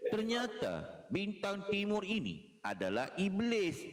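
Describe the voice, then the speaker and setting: A man's voice: sits high, wildly swooping pitch, takes it slowly. A man delivering a mocking, taunting monologue in a lecturing tone, repeating phrases and chuckling as he jeers. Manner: mocking, jeering, with frequent chuckles. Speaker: online religious commentator.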